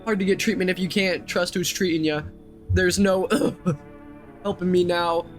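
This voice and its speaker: A man voicing a dying firefighter in a game, groaning and halting, bitter and resigned. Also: high-pitched, steady tone, faint music behind, lightly acted.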